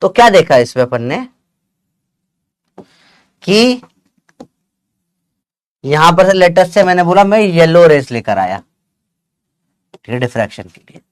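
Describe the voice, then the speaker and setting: A man's voice: fairly high pitch, big pitch swings, measured pace, long pauses, smooth, no echo. A man teaching a casual lesson, chatty and joking, often checking whether his students follow.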